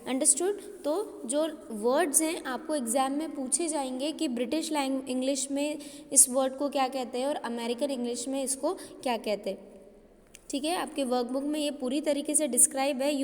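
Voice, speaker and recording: Teacher, female, Indian English accent, high bright voice, slow dictation of examples, classroom reverb. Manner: explains Hindi and English mixed, slow when dictating examples; keeps asking "understood?" to check the class. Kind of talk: classroom lecture.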